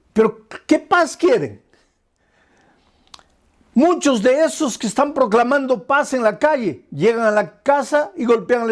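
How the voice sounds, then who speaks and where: High-voiced pastor preaching earnestly. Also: male voice. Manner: earnest, pleading preaching with repeated phrases. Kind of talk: sermon.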